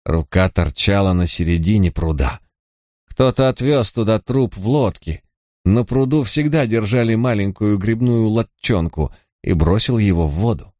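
A man's voice: on the low side, normal speed, a little mellow, no room sound, clean studio sound, voice pushed up, natural voice. A man voicing a rueful old villager. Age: over 60. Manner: rambling, mournful storytelling.

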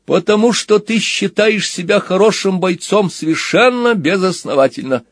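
A man voicing a talking machine that only tells the truth, speaking calmly, formally and matter-of-factly, in a storybook reading. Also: sits high, normal speed, dry recording, studio quality, pitched above the performer's own voice. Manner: calm, matter-of-fact, formal. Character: talking truth-telling machine box, calm and precise.

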